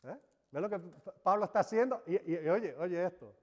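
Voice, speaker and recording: A man's voice: sits high, expressive, fairly quick, a little mellow, dull audio. A man preaching a sermon to a congregation, emphatic, drawing out key words and checking that his listeners are following. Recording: long reverb of a large hall.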